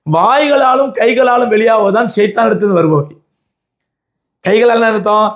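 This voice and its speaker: A man's voice: high voice, normal speed. A middle-aged man, preaching a sermon. He tells the story in colloquial speech, lists parallel phrases emphatically and quotes Arabic verses. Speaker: Islamic preacher. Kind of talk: sermon on the Prophet's life.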